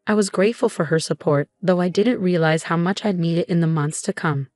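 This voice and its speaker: Lady reading a personal story, kinda low pitch, dead dry sound, even and steady. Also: fairly quick, dry recording, soft background music. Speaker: narrator. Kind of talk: scripted first-person story narration.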